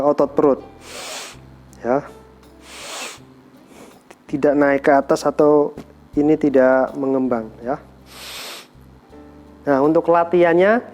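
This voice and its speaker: A man lectures on singing technique in a slow, careful way. His voice sits a little high for a man. A faint keyboard is heard behind him. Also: darkish tone. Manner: slow, explanatory, demonstrating breathing and sung scales. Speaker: music lecturer. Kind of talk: online singing lesson.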